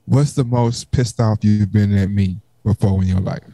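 A relaxed man co-hosts a chatty podcast. His voice is dark and mellow, and he jokes along easily. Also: on the low side, normal speed, no echo, low-quality recording. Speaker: podcast co-host. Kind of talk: casual banter on a call-in podcast.

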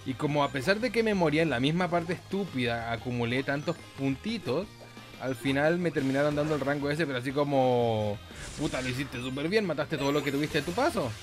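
Fairly quick and on the high side, a Chilean-accented man riffs through gameplay as a YouTuber, joking and swearing freely. He drops in silly sound effects and singsong moments, all over background video game music.

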